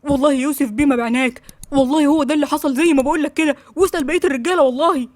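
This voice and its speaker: Woman reading a frightened henchman, egyptian accent, pleading, very fast, high. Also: steady tone, a little mellow, no echo, close to an everyday voice. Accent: Egyptian Arabic. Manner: pleading, swearing oaths, rapid. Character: frightened male henchman pleading with his boss.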